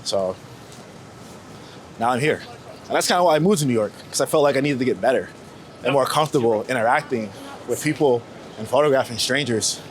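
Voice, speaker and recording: Out on New York City streets, a young street photographer from Florida, USA, chats reflectively in an interview, casual, candid and slangy. His medium-pitched voice is lively and a little fast, with long pauses, over street noise, passing vehicles and city traffic.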